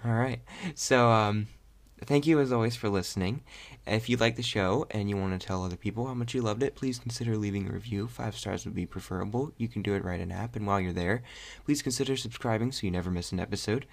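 A young man hosting a podcast in casual chat, rambling and hesitant with lots of fillers. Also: mid-range voice. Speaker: podcast host.

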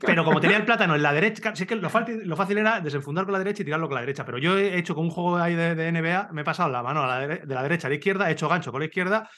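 A man from Spain, a podcast host, telling a comic story in casual chat, animated and laughing, swearing freely. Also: on the high side, very fast, few pauses. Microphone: video call.

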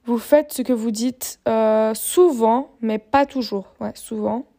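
A woman's voice: on the high side, slow, warm tone. A young woman hosting her own podcast, chatting casually and mocking herself, fed up with a quiz website that keeps failing. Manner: chatty, self-mocking, exasperated. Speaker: podcast host. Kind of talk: casual chat.

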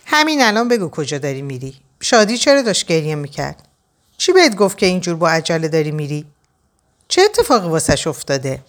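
A woman's voice: low-pitched, sing-song. A woman voicing a stubborn young man who insists on answers, pressing and confrontational. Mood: insistent.

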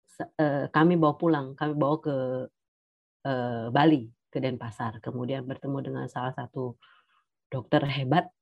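A middle-aged woman giving a personal testimony as a cancer survivor, hesitant, with many pauses and fillers. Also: sits low, dry recording, dull audio. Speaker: cancer survivor sharing her story.

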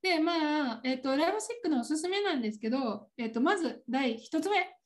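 A woman's voice: sits high, expressive, a little fast. A woman with a Kansai Japanese accent chatting casually on a podcast, laughing often as she explains. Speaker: podcast co-host. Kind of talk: casual chat.

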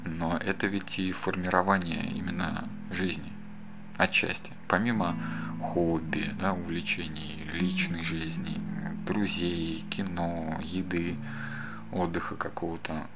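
A man's voice: low-pitched, level tone, a little slow, heavy background noise. A man in his thirties in a casual, rambling monologue, talking straight to the listener and drifting off on side thoughts. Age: 30s. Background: loud acoustic guitar music.

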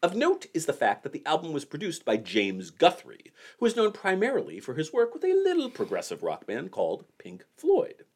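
A man's voice: on the high side, huge pitch swings, normal speed, few pauses. A man in his forties hosting a podcast, telling a band's history in a wry, joking way. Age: 40s. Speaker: podcast host. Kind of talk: casual podcast chat.

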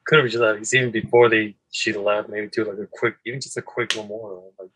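A man co-hosting a casual film chat, agreeable and quick to chime in. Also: on the low side, little pitch movement, fairly bright tone, a little hiss or hum, low-quality recording. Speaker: podcast co-host.

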